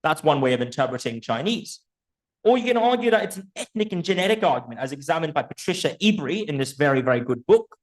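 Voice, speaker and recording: Quick and sing-song, this man's somewhat high voice presents an academic book talk. He is articulate and learned, poses rhetorical questions, and keeps checking in with the audience.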